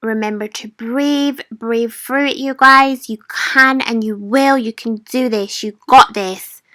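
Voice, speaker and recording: A woman leads a workout as a fitness instructor. Her voice is fairly high and clearly bright, recorded dry and close. She cheers listeners on with informal, motivational encouragement. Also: fairly even intonation, slow pace, no room sound. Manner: addresses listeners informally as a group. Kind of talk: guided workout instruction to viewers.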